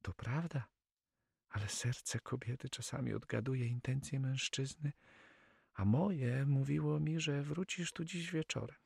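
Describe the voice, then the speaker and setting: A man voicing a tender, anxious young Flemish woman in an audiobook, in a soft pleading tone. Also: mid-range voice, a little slow, gravelly, slightly rough, no echo, clean studio sound, pitched above the performer's own voice. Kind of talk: audiobook character reading.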